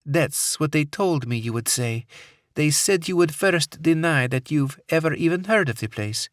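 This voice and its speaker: Brief: smooth, menacing female terrorist, played by a man, Middle Eastern accent, pitched well up, taunting. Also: animated, normal speed, dry recording, clean studio sound, lightly acted. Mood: coldly menacing. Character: cold vengeful female terrorist.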